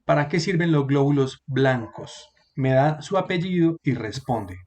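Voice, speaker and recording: A man teaching an online class, patiently explaining and repeating words slowly for his students. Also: medium pitch, a little mellow, a little hiss or hum.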